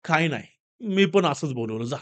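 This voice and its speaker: A simple, naive dog that copies whatever it sees, with a high, bouncy voice, as a man puts him on in a storytelling talk. The tone moves lively up and down in an easy, guileless way. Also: moderate pace, no echo, natural voice. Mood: playful. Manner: naive, imitating. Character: copycat male dog, later frightened.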